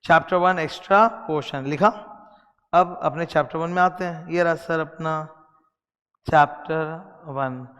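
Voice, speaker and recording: Male teacher with an Indian accent, slightly high and smooth, lecturing with a long reverb tail. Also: unhurried, fairly bright tone, muffled recording. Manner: explains in mixed Hindi and English, addresses students directly. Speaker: law teacher. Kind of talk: classroom lecture.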